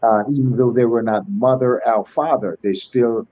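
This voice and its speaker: Speaking at a moderate pace in a steady, medium-pitched voice, a sixty-something school alumnus joins a formal online panel as a guest. He uses ornate, churchly language and stumbles into frequent fillers and restarts, captured on dull audio.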